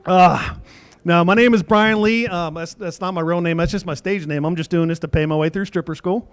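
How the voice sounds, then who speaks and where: A man with a high voice emceeing a comedy club night, speaking into a stage mic. His stand-up patter is loose and rambling, full of quick asides to the crowd. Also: fairly even intonation, clean tone. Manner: rambling, loose audience banter. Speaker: host comedian.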